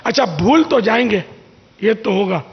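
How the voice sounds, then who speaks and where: A man's voice: high voice, animated. A man giving an informal religious talk, telling anecdotes in a conversational way and acting out the lines he quotes. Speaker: religious scholar giving advice. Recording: dull lo-fi sound with long reverb.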